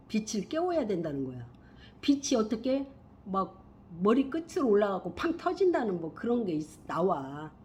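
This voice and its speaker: A middle-aged woman telling a personal spiritual story in a rambling, emphatic way, swinging from hushed to loud. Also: on the high side. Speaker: spiritual vlogger.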